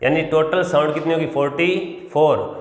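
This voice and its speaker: A man's voice: fairly high pitch, fairly even intonation, brisk. A male teacher giving a lesson, explaining step by step and answering his own questions. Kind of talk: classroom lesson. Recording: echoey room with long reverb.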